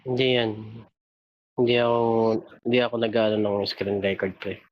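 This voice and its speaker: A man hosting a casual chat, answering in low-key, mumbled, rushed replies. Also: steady tone, highs cut off. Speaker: host.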